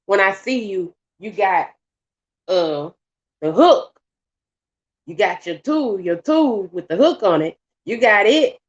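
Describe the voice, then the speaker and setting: A woman's voice: medium pitch, lo-fi sound. A woman casually telling a story while cooking at home, repeating phrases and acting out the voices of people in it. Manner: animated, acts out voices in her retelling; colloquial, repetitive phrasing. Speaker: vlogger. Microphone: home recording while cooking.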